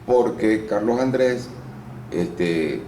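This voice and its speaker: Man with a low voice. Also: very slow. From Venezuela. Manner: explanatory, lively storytelling with restarts. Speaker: interviewee, actor and voice-over artist. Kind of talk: casual interview. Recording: roomy room with faint noise.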